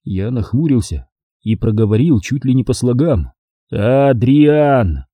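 A man's voice: medium pitch, animated, moderate pace, dark tone, husky, dry recording. A man reading a first-person audiobook in an intense, brooding way, recorded close and dry. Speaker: audiobook narrator. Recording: dry close-miked studio sound.

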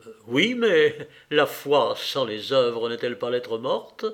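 A man's voice: medium pitch, sing-song, slow, a bit bright, voice pushed down, exaggerated voice. A man voicing a polite, easygoing nobleman. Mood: amiable. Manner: polite, agreeable. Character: amiable, easygoing nobleman, middle-aged man.

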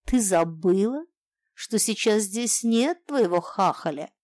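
A woman voicing a coarse, bullying middle-aged husband who snarls threats in a rough voice. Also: mid-range voice, animated, slow pace, a little mellow, no room sound. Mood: menacing.

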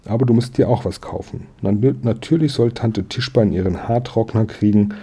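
A man's voice: fairly low pitch, moderate pace, mellow, slightly rough. A man reading aloud, voicing a cheeky, bossy young girl in a storybook. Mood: sassy. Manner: sassy and bossy.

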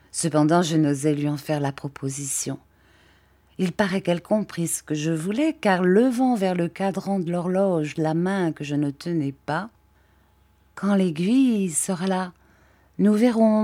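A woman narrating a classic tale aloud with a measured, expressive delivery. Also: low-pitched. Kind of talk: literary story reading.

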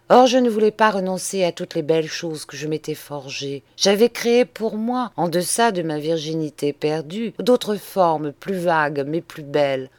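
A woman narrating a literary audiobook in a slow, measured and expressive reading. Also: on the low side, no echo.

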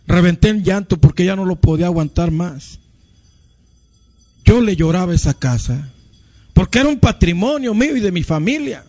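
A man's voice: high voice, expressive, moderate pace, pauses often, dark tone. A male preacher giving an impassioned sermon, often addressing his listeners as brothers. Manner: impassioned, repeats "hermanos". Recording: muffled lo-fi recording.

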